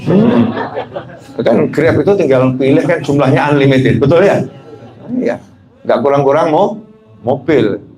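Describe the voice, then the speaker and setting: A man preaching a relaxed, conversational sermon, telling personal stories with rhetorical questions and playful asides. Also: fairly high pitch, unhurried, gravelly, pauses often.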